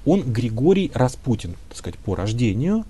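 A man answers an interviewer's questions about history at length, weighing his words and often pausing on filler sounds. His voice has a mellow, warm tone at a middling pitch. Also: very animated, breathy edge. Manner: thoughtful, hedging, many filler sounds. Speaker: historian guest.

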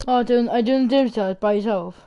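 A woman's voice: a little high, a little fast, mellow, clear, resonant tone, lo-fi sound. A woman chatting casually while gaming, blunt and full of swearing, on a voice chat mic. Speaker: gamer. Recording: noisy gaming mic with clicks.

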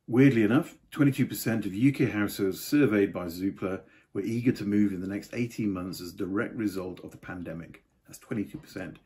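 Speaking briskly in a lowish, dark-toned voice, an older property market commentator delivers a casual update to camera from a home study, dropping in offhand asides.

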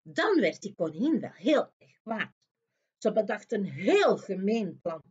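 A woman reading a fairy tale aloud for children in a slow, expressive way. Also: medium pitch, breathy edge, lo-fi sound. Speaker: storyteller.

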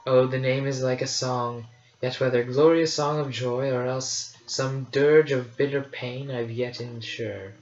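A man reading a wise, gentle old hermit knight, speaking measured verse at a slow pace. The recording is roomy and slightly dull, with faint music. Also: mid-range voice, fairly even intonation, natural voice. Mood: sorrowful.

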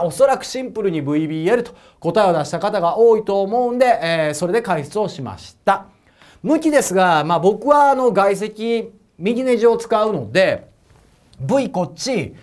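A man's voice: high-pitched, a little mellow. A man with an Osaka accent teaching exam physics in a lecture, chatty and joking, often asking his viewers questions. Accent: Osaka Japanese. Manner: chatty, asks viewers questions, laughs at own jokes. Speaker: prep school physics teacher. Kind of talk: whiteboard lecture to camera.

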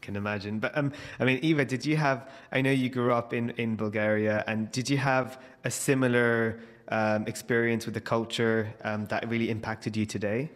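A man's voice: mid-range voice, steady tone, moderate pace, in a large hall. A young man hosting a podcast, reading an enthusiastic scripted introduction and asking his guests questions. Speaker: podcast host. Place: indoor room, video call. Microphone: studio mic on stand.

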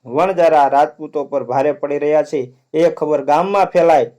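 A man's voice: a little high, moderate pace, darkish tone. A man narrating a dramatic folk story aloud in an earnest storytelling manner.

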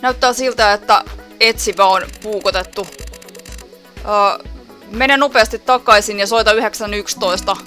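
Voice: mid-range voice, pushed and bright, soft background music, lightly acted. A gaming YouTuber reading a game detective's orders aloud in a plain voice. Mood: firm.

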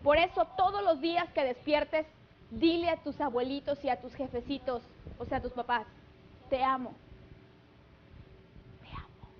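A high-voiced Mexican woman hosts a live TV show from the studio. She chats warmly with viewers and reads their greetings aloud, full of pet names. Her sound is a little dull, with faint hiss. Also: fairly even intonation, normal speed, pauses often. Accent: Mexican Spanish. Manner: chatty, affectionate, gushing with pet names. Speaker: TV show host. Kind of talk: live TV chat, reading viewer messages. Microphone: handheld microphone.

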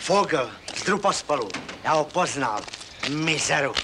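A man's voice: fairly high pitch, expressive, noisy background. An actor in a 1970s film comedy playing an eager, somewhat sheepish employee reporting to his boss.

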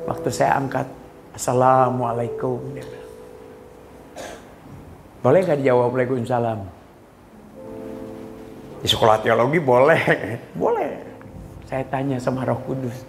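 A male pastor preaching a sermon with a personal testimony. He preaches with emotion, builds to loud exhortation and drops English phrases into his talk. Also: mid-range voice, gravelly, reverberant, a little hiss or hum, rough recording. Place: church hall.

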